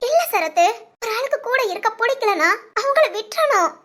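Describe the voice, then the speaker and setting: Very high-pitched, soft, tearful young woman, voiced by a woman, audio drama. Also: very animated, moderate pace, heavily acted. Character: grieving young woman missing her father.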